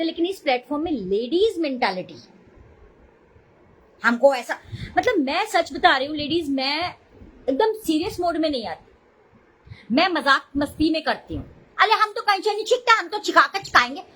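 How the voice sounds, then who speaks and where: Chatty high-voiced woman on a live stream. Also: a bit bright, poor audio. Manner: chatty, defensive, greets viewers mid-talk. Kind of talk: casual live-stream chat.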